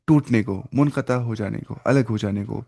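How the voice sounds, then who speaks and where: His voice low, gravelly, and dark, a man gives an Urdu lesson on the Quran. He explains word meanings step by step, answers questions he asks himself, drops in English words, and recites Arabic slowly.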